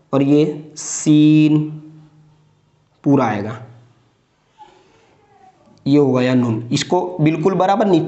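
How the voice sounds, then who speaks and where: A man gives a writing lesson in a somewhat raised voice, patient and repetitive, spelling each word out slowly as he writes. The sound is muffled and lo-fi, and it rings in an echoey room. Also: a little high, a little mellow. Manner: patient, repeats words slowly, often checks with "theek hai". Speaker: Urdu writing teacher. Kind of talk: spoken lesson explaining letters while writing.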